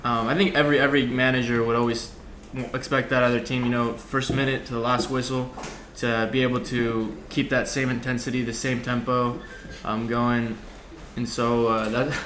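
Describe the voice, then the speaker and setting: A man's voice: mid-range voice, pushed and bright. A young man, a sports guest, talking casually and conversationally. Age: young adult. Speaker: soccer player, podcast guest. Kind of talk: casual chat. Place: indoor lounge seating area. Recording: roomy echo, faint background noise.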